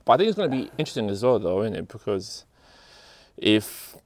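A man's voice: lowish voice, big pitch swings, fairly quick, no room sound. A man chats as a podcast co-host. His phrasing is slangy and laid-back, and the sound is close and dry. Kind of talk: casual podcast chat.

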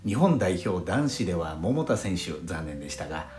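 Low-voiced man hosting a solo podcast. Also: big pitch swings, normal speed, darkish tone. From Fukushima, Japan. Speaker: podcast host. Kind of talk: solo audio podcast talk. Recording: roomy sound with faint background music.

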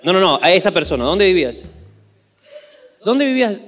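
Lively high-voiced man telling a story. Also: a little fast. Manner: lively storytelling with laughs and mock accents. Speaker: comedian co-host. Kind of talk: comedy podcast banter.

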